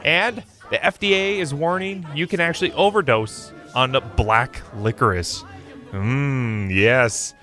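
A man's voice: mid-range voice, unhurried, soft background music. A man hosting a morning radio show with cheerful, upbeat patter. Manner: cheerful, lively delivery. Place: radio studio.

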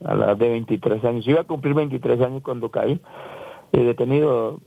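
Husky Colombian coastal man, phone-line sound. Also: mid-range voice, a little fast, dry recording. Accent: Colombian Caribbean coast. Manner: rambling, repeats and restarts, acts out quoted voices. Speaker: interviewee. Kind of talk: emotional first-person account. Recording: dry, tinny phone-like line.

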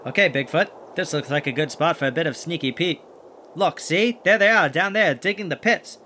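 A man's voice: fairly high pitch, brisk, background noise, lightly acted. A man playing a plucky, kindhearted, wisecracking monster hunter who narrates and acts in a children's audio adventure with folksy exclamations. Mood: determined. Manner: folksy exclamations, animated chatter to sidekick.

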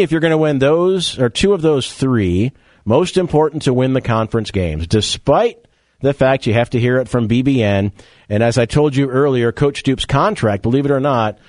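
A man's voice: medium pitch, a little mellow, dry recording. A man hosting sports talk radio, chatting through a monologue and an ad read with wry asides. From Rochester, New York area. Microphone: studio mic.

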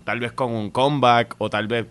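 A man's voice: mid-range voice, steady tone, moderate pace, fairly bright tone, smooth. A man, a stand-up comedian chatting casually and candidly as a guest, swearing freely. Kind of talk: casual podcast chat.

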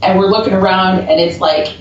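A woman's voice: on the low side, fairly even intonation, brisk. A woman, a paranormal investigator, telling stories in a casual chat over a video call. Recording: echoey, distant, dull remote audio.

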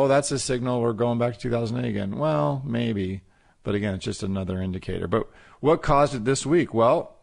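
Male finance show host, explanatory and conversational, poses questions then answers them, gravelly lower register. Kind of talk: market commentary.

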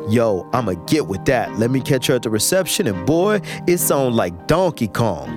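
Man doing a cocky young groom, slangy swagger, lively pitch, music underneath. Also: moderate pace, lightly acted.

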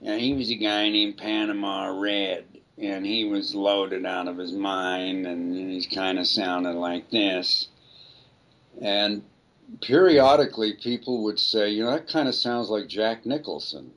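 An older man, a voice actor, telling a rambling, relaxed story in an interview. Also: fairly low pitch, a little slow. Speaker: voice actor guest. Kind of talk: anecdotal storytelling.

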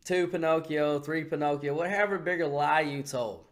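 A man with a somewhat high voice co-hosts a podcast in loose, profane banter. He talks in an animated way, telling stories and dropping into quick voices for the people in them. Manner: crude, animated retelling with put-on character voices. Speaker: podcast co-host. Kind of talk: casual chat.

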